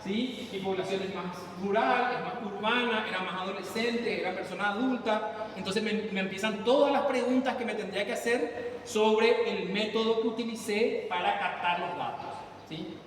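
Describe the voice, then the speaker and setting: A psychometrics teacher with a high voice lectures a class at a moderate pace, explaining the analysis step by step and quizzing the students along the way. He sounds distant from the recorder, in a large echoing room with a long reverb tail and steady background noise.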